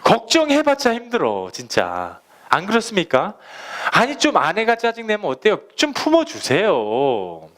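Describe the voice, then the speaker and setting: A middle-aged male pastor preaching a conversational sermon, acting out prayers and quotes with sudden loud bursts. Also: high voice, huge pitch swings, normal speed, hardly any pauses.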